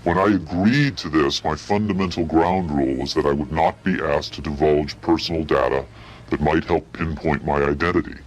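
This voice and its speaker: A man heard through a disguised, pitch-shifted deep voice, giving guarded, curt and evasive answers as an anonymous interviewee. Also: moderate pace, slight background noise.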